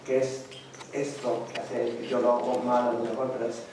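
A man's voice: medium pitch, little pitch movement, normal speed. Hesitant man asking from the audience. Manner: hesitant, with fillers and restarts. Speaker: audience member, horn player. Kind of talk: question from the audience. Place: lecture hall. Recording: echoey hall, distant mic, noise.

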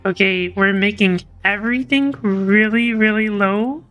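A woman's voice: mid-range voice, a little slow, dull audio, soft background music. Chatty woman gaming with friends. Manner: chatty, exasperated at crashes. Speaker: gamer playing on stream. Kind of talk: casual gaming chat.

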